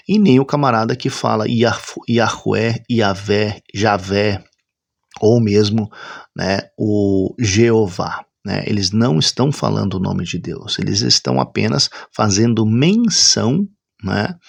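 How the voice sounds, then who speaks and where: A man explaining a Bible topic in an unhurried teaching manner, often checking in with "né?". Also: fairly low pitch, gravelly. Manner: unhurried and explanatory, with frequent "né?" tag questions.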